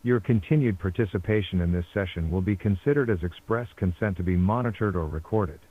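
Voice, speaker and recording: A man's voice in a recorded phone message, giving measured, polite menu prompts that repeat over the phone line. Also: low-pitched. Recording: tinny dry phone line.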